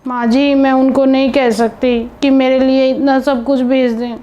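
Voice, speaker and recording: A woman voicing a meek young daughter-in-law who pleads softly. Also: high voice, flat delivery, moderate pace, close to an everyday voice. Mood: pleading. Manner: soft, pleading. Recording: piano music behind.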